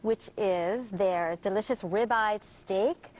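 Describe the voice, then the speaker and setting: A woman's voice: medium pitch, takes it slowly, a little mellow, a little hiss or hum. A woman, a lifestyle expert enthusiastically presenting restaurant deals as a TV news guest. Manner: enthusiastic, gushing about food. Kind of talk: studio segment, presenting food deals.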